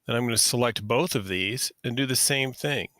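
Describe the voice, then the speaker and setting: A man teaching 3D software in a casual, step-by-step screen tutorial, talking through each click and correcting himself as he goes. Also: medium pitch, normal speed, no room sound, clean studio sound. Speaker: software instructor.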